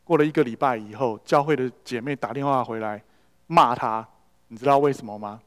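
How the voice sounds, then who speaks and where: A man's voice: medium pitch, a little fast. A man preaching a sermon in a church hall and telling stories, slipping English words into his speech. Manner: storytelling preacher who mixes in English words. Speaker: pastor. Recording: long reverb of a large hall.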